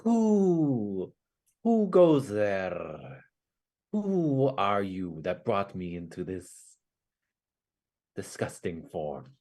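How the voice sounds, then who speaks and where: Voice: sits low, very animated, very slow, long pauses, warm tone, exaggerated voice. A hissing, grumpy summoned cat. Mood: indignant.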